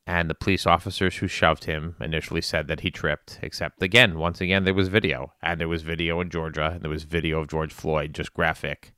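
Guy with a super deep crisp voice, dry close sound, talking seriously about the news, repeats for emphasis. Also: bright, forceful tone, no room sound. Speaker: spin class instructor. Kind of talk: earnest monologue on current events.

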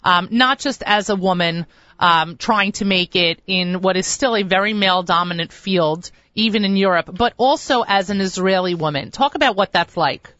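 A woman's voice: medium pitch, normal speed, fairly bright tone, no echo. Woman host of a talk show, super effusive, dry muffled sound. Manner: effusive, enthusiastic interjections. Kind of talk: radio talk show interview.

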